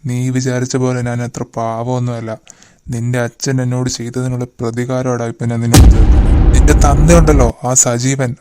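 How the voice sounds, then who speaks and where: ക്രൂരനായ തട്ടിക്കൊണ്ടുപോകൽ സംഘത്തലവൻ, ഒരു പുരുഷൻ അവതരിപ്പിക്കുന്നു. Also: male voice, mid-range voice, level tone, brisk, warm tone, slight background noise, natural voice. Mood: contemptuous. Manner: harsh, mocking, threatening. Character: ruthless male kidnapper boss. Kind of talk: cartoon voice acting.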